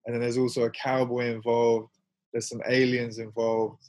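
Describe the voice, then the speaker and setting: A man's voice: medium pitch, flat delivery, normal speed, darkish tone. A young man chatting as an interview guest, rambling and self-mocking, laughing often as he talks. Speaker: interview guest, musician and filmmaker. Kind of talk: casual interview chat.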